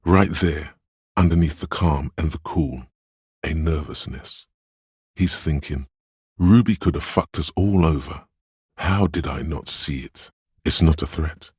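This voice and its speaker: A man voicing a calm, perceptive inner voice of empathy in a video game, narrating in a measured, hushed, gravelly and husky delivery. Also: extremely low pitch, no echo, clean studio sound, heavily acted. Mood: grave, compassionate, then quoting, agitated. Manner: measured, hushed, knowing, deliberate. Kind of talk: scripted second-person game narration.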